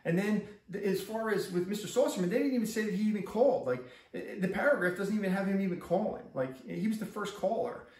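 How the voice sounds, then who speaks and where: Fast-talking middle-aged man, echoey room. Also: sits high, expressive, darkish tone. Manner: rambling, repeats himself, restarts sentences. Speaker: police officer. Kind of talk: casual first-person account. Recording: echoey room, far from mic.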